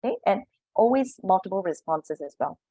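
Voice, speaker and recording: A woman's voice: medium pitch, lively intonation, brisk, warm tone, no echo. A woman with a Singaporean English accent presenting to teachers, explaining her points with many "okay" and "et cetera" fillers. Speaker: teacher trainer.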